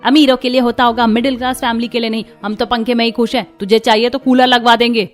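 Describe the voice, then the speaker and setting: A thrifty, scolding mother-in-law from an animated family story, voiced by a woman. Her voice is fairly high, and she lays down the rules in a sharp, bossy way. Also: quick pace, natural voice. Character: stingy, scolding middle-aged mother-in-law.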